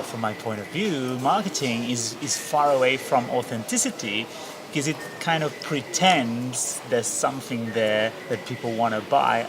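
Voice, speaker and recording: A man's voice: mid-range voice, background noise. A man hosting an interview, asking long, rambling questions with many restarts. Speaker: interviewer, host. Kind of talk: casual conversation.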